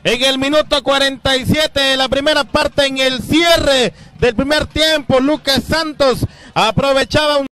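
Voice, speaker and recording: A man giving live football commentary in an excitable manner, given to long, repeated goal calls. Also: very high-pitched, measured pace.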